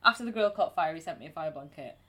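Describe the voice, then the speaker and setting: Woman on a homemade podcast, kinda low voice, chatty storyteller. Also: lively intonation, quick pace, sharp tone. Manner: chatty, storytelling, acts out quotes. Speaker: podcast co-host. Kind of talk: casual chat about anxiety. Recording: amateur home podcast recording.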